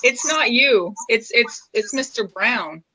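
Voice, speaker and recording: Bubbly high-voiced woman host. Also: expressive, slow, bright, forceful tone, lo-fi sound. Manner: bubbly, giggly, exclamatory. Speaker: show host. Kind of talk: casual live-stream chat.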